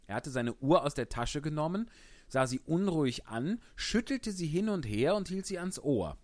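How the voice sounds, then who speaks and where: A man narrating a storybook reading in an expressive, unhurried way. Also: fairly high pitch, no echo.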